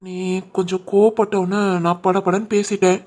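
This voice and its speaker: A woman voicing a young husband and shopkeeper, teasing but caring, with a Tirunelveli Tamil accent in an animated family story. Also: medium pitch, a little fast, natural voice. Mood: worried. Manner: teasing banter, turns soft and worried.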